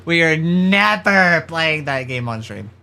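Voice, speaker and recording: A streamer chatting casually on a livestream in an animated, sweary manner. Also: medium pitch, takes it slowly, vocal fry. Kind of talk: casual livestream chat and gaming commentary.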